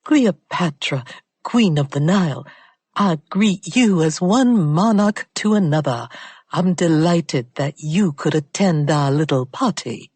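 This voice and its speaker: A woman's voice: extremely low pitch, unhurried, hardly any pauses, a little mellow, husky, no echo, full character voice. Woman doing a grand, drawling socialite hostess. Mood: regal. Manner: lazy drawl, theatrical.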